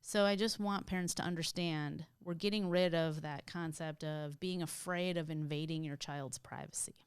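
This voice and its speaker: A woman clinician co-hosting a parenting podcast, giving advice in an emphatic, lively way. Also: low voice, moderate pace, clear, resonant tone, no echo, clean studio sound. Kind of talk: casual conversational podcast chat.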